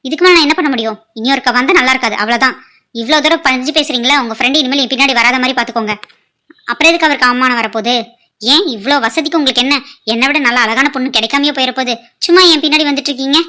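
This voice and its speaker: A woman's voice: high voice, rapid-fire. A woman voicing a proud young cartoon heroine. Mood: scornful. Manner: sharp, scolding then pleading. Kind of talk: cartoon drama dialogue.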